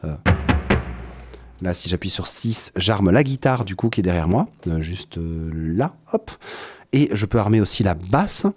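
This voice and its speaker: A man with a French accent giving a relaxed, hesitant live-stream tutorial on his music setup from his home studio. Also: low voice, unhurried, slight background noise. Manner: explanatory, with frequent hesitations and "hop" interjections.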